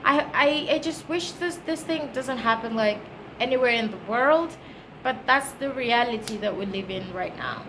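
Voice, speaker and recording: A Kenyan woman with a Kenyan accent chats casually to the camera as a travel vlogger, explaining things conversationally. Her voice is fairly high and her pace moderate, with clearly noisy background ambience in the recording.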